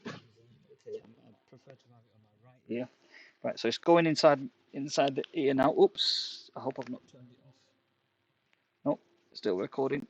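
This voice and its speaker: An English repair shop owner tests a wireless earpiece mic, later a wired headset, while walking between rooms of his workshop for a casual product review vlog. He rambles hesitantly at medium pitch, leaning on fillers and "basically," and the audio is poor.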